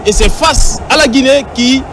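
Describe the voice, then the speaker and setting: A man giving excited sports commentary on a football match, exclaiming emphatically. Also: very high-pitched, moderate pace. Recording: noisy outdoor match broadcast.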